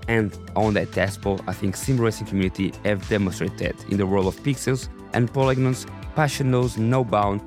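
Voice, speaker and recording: A man with a raspy voice and non-native English, hosting a podcast in a scripted narration style. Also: on the low side, steady tone, normal speed, hardly any pauses, a little mellow, faint music behind. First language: not English. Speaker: podcast host.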